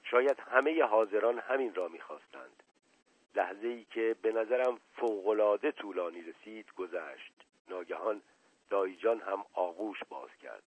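A male narrator with a lowish, husky voice reads the story in a measured, expressive way. The sound is thin and narrow, as over an old radio broadcast. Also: no echo. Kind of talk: dramatic storytelling reading.

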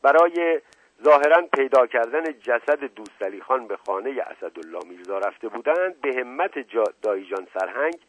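A man reads a novel aloud as audiobook narration, in a measured, even storytelling manner. His voice sits at a middle pitch and is recorded close and dry, with no room sound. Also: no room sound, lo-fi sound.

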